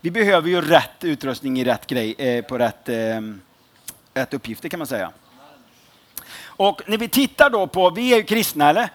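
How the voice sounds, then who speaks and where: A man's voice: a little high, very animated. A young man preaching a casual, joking sermon, informal and rambling with fillers. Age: young adult.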